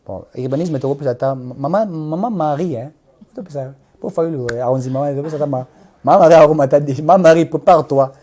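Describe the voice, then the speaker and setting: A man with a Congolese accent, speaking as a political activist in an interview, sounds emphatic and impassioned, repeating his points and switching between two languages. His voice is a little high and dark in tone, and he talks fairly quickly.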